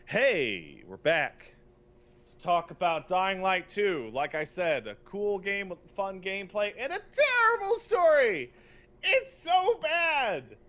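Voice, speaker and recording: Speaking slowly in a high-pitched, fairly bright voice with huge swings in pitch, this male podcast co-host rants casually and with strong opinions. He sounds exasperated and emphatic, repeats phrases for effect, and swears freely.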